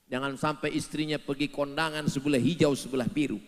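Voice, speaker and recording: A man preaching a humorous sermon, joking, swinging between loud outbursts and soft asides, at times breaking into chanted song. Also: fairly high pitch, steady tone, brisk, long reverb tail. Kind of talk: humorous sermon with sung passages.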